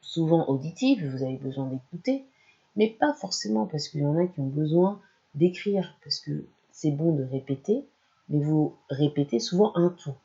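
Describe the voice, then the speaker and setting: This language channel presenter has a gravelly, mellow, mid-range voice and talks straight to camera at a moderate pace, explaining a learning topic to the listener in a steady, instructional way. The audio sounds dull and lo-fi.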